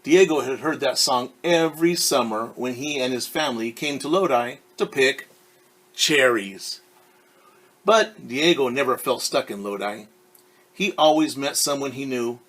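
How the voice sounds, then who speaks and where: A man teaching young children reads them a picture book, breaking off to explain vocabulary and pose questions. He speaks in a mid-range voice with a fairly bright tone.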